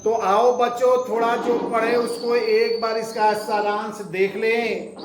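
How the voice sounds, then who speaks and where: A male school teacher slowly explaining grammar to children, repeating key terms as he goes. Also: extremely high pitch, flat delivery, echoey room, background noise. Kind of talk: classroom grammar lesson.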